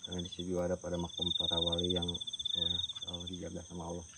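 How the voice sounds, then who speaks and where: A man with a Sundanese accent hosts a night exploration outdoors. His voice sits very low and his delivery is halting and conversational. Loud insects and crickets fill the recording around him. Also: completely flat delivery, far from the mic, heavy background noise. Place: outdoors at a shrine cemetery at night.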